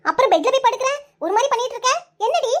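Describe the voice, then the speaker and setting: Woman doing an impatient squeaky young friend. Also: expressive, very fast. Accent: Kanyakumari Tamil. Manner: teasing, impatient.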